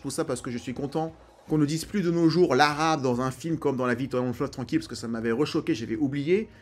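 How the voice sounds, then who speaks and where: A man hosting an enthusiastic, chatty, opinionated film commentary. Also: mid-range voice. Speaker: film video host.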